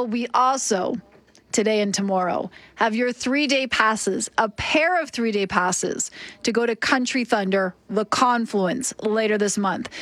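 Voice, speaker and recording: Casting: morning radio host, upbeat and emphatic woman, bright higher voice, dry studio sound. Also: no echo. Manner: upbeat, emphatic, quick to repeat words. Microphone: studio microphone.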